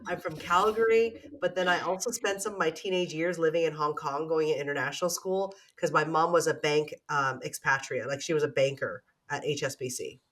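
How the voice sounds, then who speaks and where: A Canadian woman in her forties, a real estate investor, tells her story openly as a guest in a casual podcast interview. Her voice sits low and is a bit bright and steady, and she speaks fairly quickly with few pauses. There is slight background noise.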